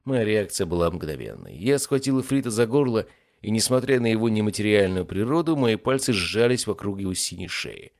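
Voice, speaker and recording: Low-voiced male audiobook narrator. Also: lively intonation, brisk, a little mellow, no room sound, clean studio sound.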